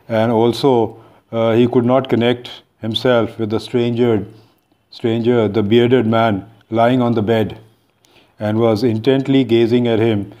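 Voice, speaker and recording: A man's voice: medium pitch, mellow. Hesitant Indian man retelling a story. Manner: hesitant, many fillers and restarts. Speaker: book talk presenter. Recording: dull lo-fi recording.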